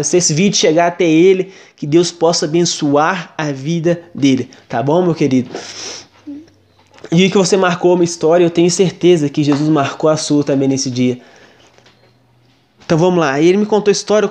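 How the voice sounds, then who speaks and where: Brazilian guy telling his own faith story, talks quick and earnest, says né a lot. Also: on the high side. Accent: Brazilian Portuguese. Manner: earnest, animated, often adds "né". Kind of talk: personal testimony.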